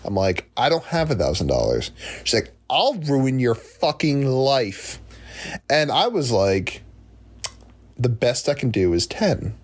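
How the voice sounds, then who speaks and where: Speaking a little slowly in a medium pitch, this twenty-something podcast host from New Jersey spins a funny story, animatedly performing the quoted voices of its characters.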